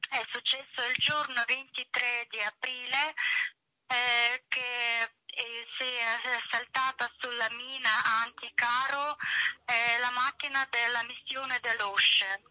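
Bright-voiced woman calling in on speakerphone. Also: fairly high pitch, fairly even intonation, no room sound, poor audio. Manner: halting, with many drawn-out fillers. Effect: heard over a phone on speakerphone. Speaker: news correspondent. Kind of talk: reading news reports live on air. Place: remote location, calling in to a radio show.

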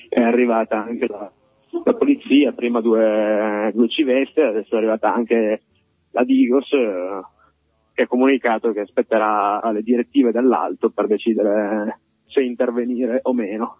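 A man's voice: fairly low pitch, animated, unhurried, darkish tone, breathy edge, no room sound. A man calling in a live field report over the phone, earnest and hesitant with many fillers. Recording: dull lo-fi phone line.

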